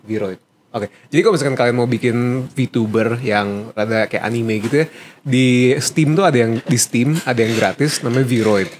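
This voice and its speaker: Relaxed young man explaining, faint noise. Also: mid-range voice, moderate pace. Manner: relaxed, explanatory, with many fillers. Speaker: animation creator and voice actor. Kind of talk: casual Q&A chat.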